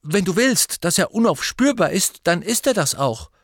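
A clever, earnest teenage girl, put on by a male audiobook reader, explaining patiently. The voice is raised and lively in its melody. Close, dry recording. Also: high-pitched, moderate pace, creaky, dry recording, pitched above the performer's own voice, full character voice. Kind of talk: audiobook character voice.

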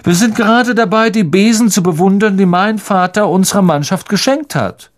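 A man voicing an arrogant, sneering schoolboy rival in a slow, haughty drawl. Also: high voice, pitched above the performer's own voice, natural voice. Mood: smug.

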